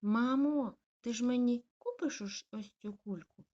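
A woman's voice: fairly high pitch, sing-song, normal speed, darkish tone, dull audio, voice pushed up. A woman voicing an eager little male corgi puppy who calls out and pleads. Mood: excited.

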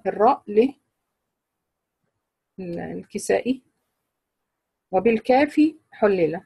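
A woman's voice: medium pitch, warm tone, husky, dry recording. A woman with an Egyptian Arabic accent teaching Quran recitation rules to a class, explaining patiently and quizzing her students.

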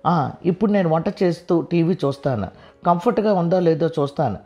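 A man voicing a silly, excitable housewife who is crazy about TV contests, in a high, chirpy voice, for an audio comedy story. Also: fairly quick. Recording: dull lo-fi audio with soft music.

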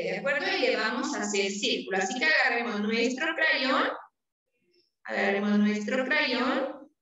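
A woman teaching a preschool class, speaking slowly and patiently, stretching out sounds and often checking that the children follow. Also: high-pitched, pushed and bright, lo-fi sound, a little hiss or hum. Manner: slow, patient, drawn-out teaching with many check-ins. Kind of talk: online class lesson. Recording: very echoey room, from a distance.

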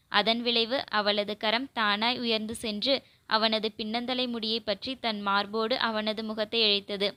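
Woman, romance audio novel narrator, soft expressive storytelling, smooth clear tone. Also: on the high side.

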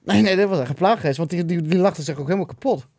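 A man's voice: high-pitched, fast talker, darkish tone, no echo, clean studio sound. A man, a guest on a podcast, in casual chat, telling stories loosely and with plenty of swearing. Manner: loose, swearing, anecdotal storytelling.

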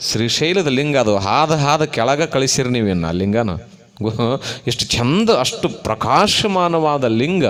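A male swami with a North Karnataka accent giving an animated, humorous sermon in a temple hall and quizzing his audience. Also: fairly high pitch. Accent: North Karnataka Kannada. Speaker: swami giving a religious discourse.

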